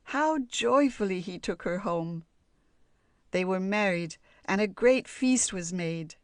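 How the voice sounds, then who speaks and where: A woman narrating a children's fairy tale audiobook in a calm, measured storybook voice. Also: lowish voice, dry recording, studio quality.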